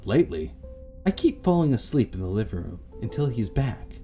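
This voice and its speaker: A mid-range, sing-song voice with a dark tone carries this let's player's dramatic reading of a visual novel at a moderate pace. When he stumbles over a line, he rereads it, and game music plays under his voice.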